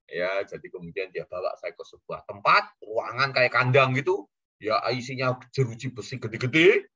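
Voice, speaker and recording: A man preaching to a congregation, telling a story in a lively way with frequent chuckles. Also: mid-range voice, moderate pace, slightly rough, dull audio. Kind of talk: sermon storytelling.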